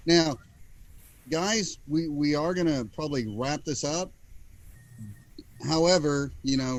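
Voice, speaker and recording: A man's voice: medium pitch, rough recording. A man co-hosting a podcast in casual chat over a video call. He jokes often and repeats words as he gets started. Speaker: podcast co-host.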